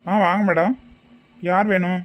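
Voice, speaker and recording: A man playing a brisk, sharp-tongued kindergarten teacher. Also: high-pitched, flat delivery. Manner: brisk, bossy, quick to threaten. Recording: dull lo-fi sound.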